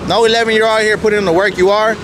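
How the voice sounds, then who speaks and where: A man's voice: high voice, flat delivery, racing, noisy background. A young man hosting a nightlife street interview with a handheld mic, brash and joking. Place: busy city street at night, outdoors. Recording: crowd and music behind. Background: loud crowd and music.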